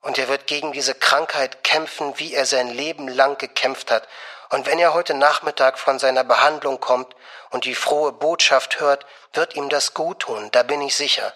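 A man voicing a gushing young female bank secretary, soft and honeyed, sometimes dropping to a whisper. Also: medium pitch, normal speed.

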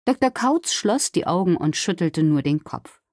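Expressive woman reading a children's story. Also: on the low side, moderate pace, no echo, clean studio sound. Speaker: audiobook reader.

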